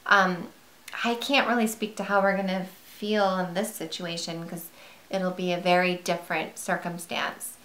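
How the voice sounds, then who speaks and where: A woman talks casually to her viewers in a bright, ringing voice. She rambles a little, with fillers and restarts, as she chats from home. The room gives her voice a noticeable echo. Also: lowish voice, flat delivery, moderate pace. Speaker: vlogger. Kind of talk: casual chat to camera. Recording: roomy echo.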